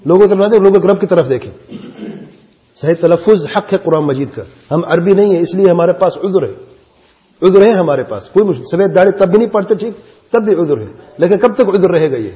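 Man, religious teacher, encouraging, mellow tone, dull audio, reverberant hall. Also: sits high, animated. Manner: encouraging, explanatory. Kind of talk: classroom teaching.

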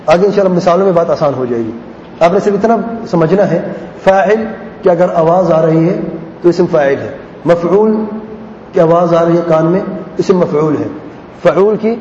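A man teaching Arabic grammar in a classroom lesson. He repeats word patterns patiently and asks questions that he then answers himself. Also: darkish tone. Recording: echoey hall, dull lo-fi sound, faint rumble.

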